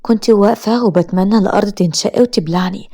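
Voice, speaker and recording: Fast-talking Egyptian woman telling her story. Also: mid-range voice, dark tone. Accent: Egyptian Arabic. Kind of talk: first-person story narration.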